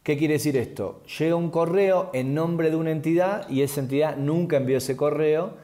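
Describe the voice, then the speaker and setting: A man speaking as an expert guest, explaining things in a measured way with frequent fillers and restarts. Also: on the high side, mellow. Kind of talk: explanatory interview answers.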